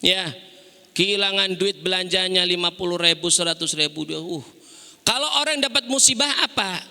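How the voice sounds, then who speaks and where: A man preaching a sermon in a mosque in an animated, conversational way, often asking the women listening a question. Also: high-pitched, a little fast, creaky. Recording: hall reverb in a mosque.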